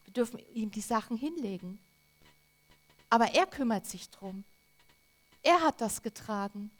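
A woman preaching a sermon, earnest and emphatic, with drawn-out repetitions. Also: on the high side, animated.

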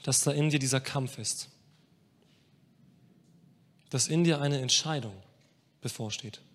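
A man preaching a sermon with passion, speaking straight to his listeners and moving between hushed and emphatic delivery. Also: medium pitch, a little slow. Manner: addresses listeners directly. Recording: long reverb of a large hall.

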